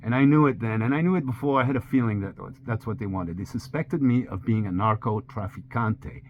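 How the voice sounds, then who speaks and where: A man with a voice on the low side speaks briskly, telling of his own ordeal. He's in his sixties, a native French speaker, and a sailing vlogger, and his storytelling is plain, candid, and steadily paced. A faint hiss accompanies the slightly dull recording.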